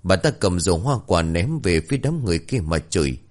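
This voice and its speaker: Guy narrating a spooky story, lowish voice, very lively delivery. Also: fairly quick. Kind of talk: scripted horror story narration.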